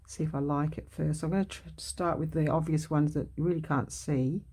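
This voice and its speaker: A woman's voice: low voice, steady tone, a little fast, mellow, breathy edge. A woman talking casually as she works on a collage for her craft video, thinking aloud and changing her mind. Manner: muses aloud while working, self-correcting.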